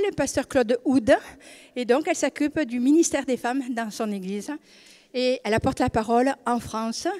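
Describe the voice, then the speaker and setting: A woman's voice: high voice, darkish tone. A woman host introducing the next speaker at a church women's conference. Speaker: event host. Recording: music playing behind.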